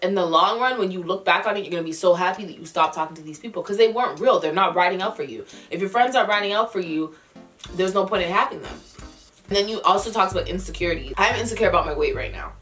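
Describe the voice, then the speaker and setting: A woman's voice: fairly low pitch, fast talker, a bit bright, faint music behind. A young adult woman chatting casually as a vlogger answering viewer questions, candid with advice and repeating phrases for emphasis. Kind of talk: casual mukbang chat to camera.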